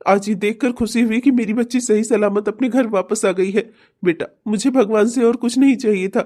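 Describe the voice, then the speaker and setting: A woman's voice: fairly high pitch, steady tone, moderate pace, warm tone, natural voice. A woman voicing a loving, relieved middle-aged father in a cartoon, speaking tenderly. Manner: tender, pleading. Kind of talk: cartoon voice acting.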